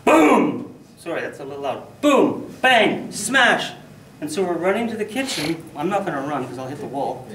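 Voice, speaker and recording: Man, speech contest storyteller, animated, fairly high voice, echoey hall, mic from far off. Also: quick pace, hardly any pauses, a little hiss or hum. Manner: animated, loud bursts for sound effects. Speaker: contest speaker.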